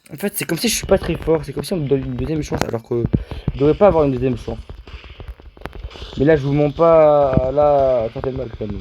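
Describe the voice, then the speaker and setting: A young man giving casual, excitable commentary on his own gameplay, often stammering and repeating himself as he talks to his viewers. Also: medium pitch, noisy background. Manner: excitable, stammering, addresses viewers as "les gars". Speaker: gaming video creator.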